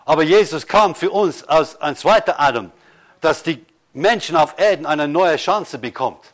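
Emphatic preaching pastor, slightly high voice. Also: male voice, lively intonation. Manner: preaching with emphatic slow stresses and rhetorical questions. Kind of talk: sermon.

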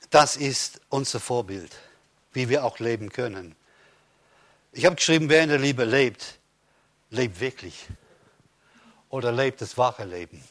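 A fervent male preacher delivering a sermon, his voice pitched right in the middle for a man. He builds from quiet reflection into loud, rousing proclamations, punctuated by Amens and Hallelujahs.

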